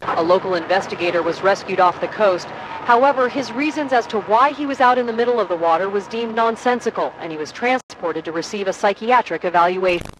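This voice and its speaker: Man playing a high-pitched formal news reporter. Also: expressive, a little fast, a bit bright, a little hiss or hum, poor audio.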